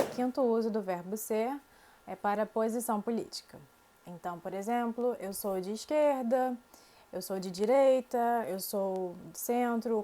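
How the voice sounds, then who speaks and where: A Brazilian woman with a Brazilian Portuguese accent, a Portuguese teacher giving a language lesson to camera, speaking clearly and slowly through spoken examples. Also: medium pitch, a little mellow.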